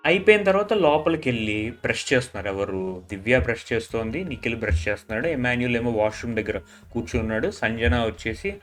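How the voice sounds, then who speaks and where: A man's voice: medium pitch, fast talker, fairly bright tone, faint music behind. A man recapping a reality show episode in casual chat, mixing English into Telugu with a Telugu accent and acting out the contestants' quarrels in quoted lines. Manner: mixes English into Telugu, repeats "literally" often, retells quarrels in quoted lines.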